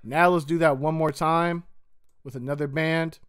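A man with a slightly high voice, talking casually and loosely like he's showing a friend his screen. He walks through each step in a relaxed, slangy way, recorded close on a desk mic. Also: moderate pace, smooth. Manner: laid-back, slangy, talks through steps on screen. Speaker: music producer. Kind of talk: casual tutorial walkthrough.

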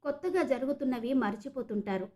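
A woman voicing a calm, patient doctor. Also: sits high, quick pace. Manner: patient, explanatory. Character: calm middle-aged male doctor.

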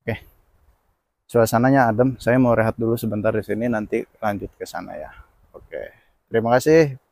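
A man's voice: on the low side, moderate pace, creaky, darkish tone, no room sound. A young man casually narrating an outdoor vlog to his viewers, recorded on a handheld camera. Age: young adult. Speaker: vlogger. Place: outdoors on a forested mountain trail and rocky stream. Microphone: handheld camera at arm's length.

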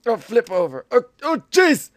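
A man's voice: very high-pitched, big pitch swings, moderate pace, no echo, clean studio sound, voice pushed up. A young man faking a fretful old man's voice, strained and exclaiming, as comic commentary on a game. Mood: cranky, alarmed.

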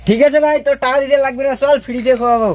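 A man's voice: extremely high pitch, fairly even intonation, very fast. A man playing a pushy, teasing drinking buddy in a comedy skit. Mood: urging. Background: music.

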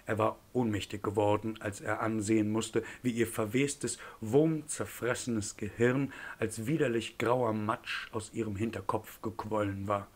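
Low-voiced male audiobook narrator. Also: steady tone. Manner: measured storytelling delivery.

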